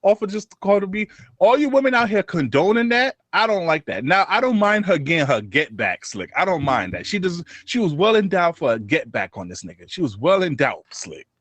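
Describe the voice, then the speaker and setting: A man co-hosting a casual podcast, talking in animated bursts that swing between loud outbursts and low mumbles. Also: brisk, no echo. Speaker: podcast co-host.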